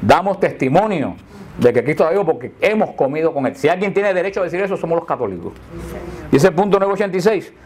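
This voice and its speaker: A man's voice: a little high, lively intonation, fast talker, darkish tone. Chatty older man teaching catechism. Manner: chatty, jokey storyteller who laughs at his own slips. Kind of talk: informal teaching to a group.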